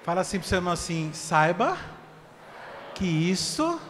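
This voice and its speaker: High, bright-voiced preaching pastor. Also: male voice, very animated. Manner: shifts from shouting to quiet, quick asides. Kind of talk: sermon. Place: church hall. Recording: long church reverb, faint background noise.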